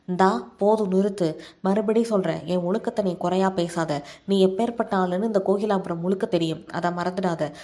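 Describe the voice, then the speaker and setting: A woman's voice: medium pitch, moderate pace, mellow, close to an everyday voice. Defiant young village sister, read by a woman. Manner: pleading then defiant.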